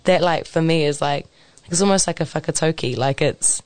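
A young woman with a New Zealand accent co-hosting a community radio show, chatty and quick to laugh. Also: deep voice, a little mellow, clean tone, no room sound. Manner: bubbly, laughs often, chatty with fillers. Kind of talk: casual radio chat. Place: community centre studio.

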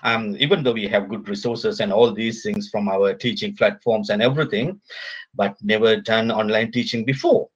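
A Sri Lankan polytechnic lecturer, speaking as a guest in a casual remote interview, has a lowish, slightly rough voice with fairly even intonation. His speech is halting, with many fillers and restarts, and the recording has its highs cut off.

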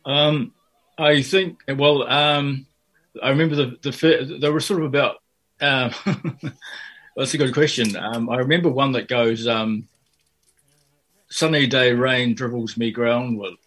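In a radio interview about being a poet, an older Fijian and New Zealand man talks at a measured pace with a medium pitch, pausing often. His tone barely rises or falls, and his speech keeps stalling with fillers and restarts.

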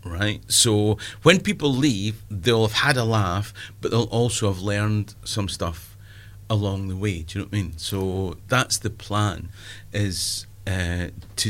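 In this casual interview, a Scottish man in his fifties speaks in a lowish, slightly slow voice. He's a stand-up comedian, full of asides and quick to poke fun at himself.

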